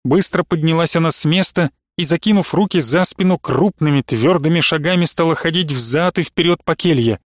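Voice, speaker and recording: A man's voice: on the high side, moderate pace, hardly any pauses, dry recording, studio quality. A man narrating a classic novel as an audiobook reader. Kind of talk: scripted literary narration.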